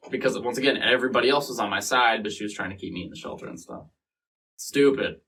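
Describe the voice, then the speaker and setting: Bright-voiced man in his twenties, swearing casually. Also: mid-range voice, quick pace. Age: 20s. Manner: profane, rambling storytelling, mimics other people. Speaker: interview guest. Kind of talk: casual storytelling interview. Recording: distant mic with faint noise.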